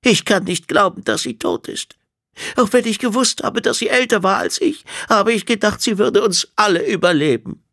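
A man's voice: animated, moderate pace, gravelly, a bit bright, dry recording, clean studio sound, full character voice. A man putting on a frail, tearful old woman. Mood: grieving. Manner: sad, sniffling, breaking into high tones. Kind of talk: audiobook character voice.

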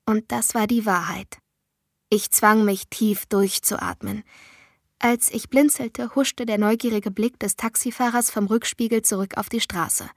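A woman reading a novel aloud in a measured, intimate first-person narration. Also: mid-range voice, fairly even intonation, no room sound, studio quality. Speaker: audiobook narrator.

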